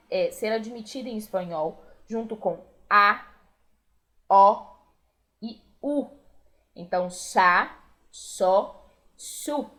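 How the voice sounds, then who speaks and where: A woman with a Brazilian Portuguese accent teaching a recorded Spanish lesson, patiently repeating each word clearly. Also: medium pitch, fairly bright tone.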